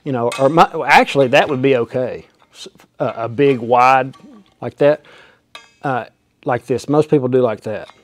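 A mid-range male voice at normal speed, with slight background noise, belongs to a welding instructor in his forties. In a small indoor workshop he gives a hands-on demonstration in a folksy, emphatic style, wearing a lapel mic.

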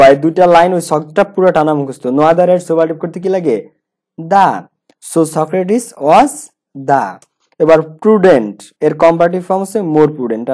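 A man's voice: a little high, mellow. A man with a Bangladeshi accent teaching an English grammar lesson, asking questions and answering them himself. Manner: asks questions and answers them himself, repeats words for pronunciation.

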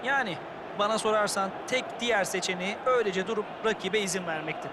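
Guy as football co-commentator in a game, analytical, highish voice, really noisy stadium behind him. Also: quick pace, close to an everyday voice. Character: opinionated male football pundit. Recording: loud stadium crowd noise throughout. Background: loud football crowd.

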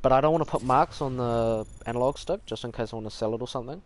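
A man's voice: medium pitch, quick pace. A man with a broad New Zealand accent giving casual, slangy live commentary while gaming. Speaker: gaming streamer. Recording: noisy home gaming mic.

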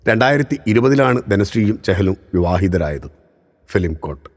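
Male news narrator, lowish voice, steady formal reading, long reverb tail. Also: moderate pace.

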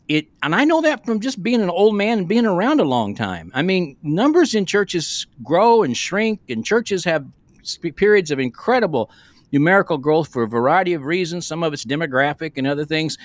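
A pastor in his sixties co-hosts a casual conversational podcast, talking in a rambling, folksy way over a remote video call from a small room. He speaks into a close podcast mic at a moderate pace, his fairly high voice swinging widely in pitch, and the recording is dry.

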